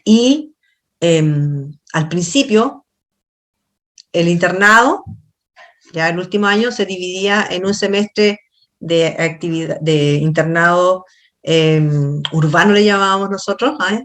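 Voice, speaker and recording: A middle-aged woman with a Chilean accent giving a university class over a video call, chatty and questioning her students, explaining in a halting way. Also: on the low side, fairly bright tone. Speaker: university lecturer. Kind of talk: online class lecture.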